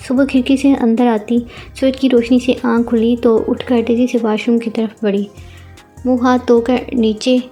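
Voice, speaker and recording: A woman reading a romance novel aloud as narrator, in an even, measured storytelling manner. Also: fairly high pitch. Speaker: audiobook narrator.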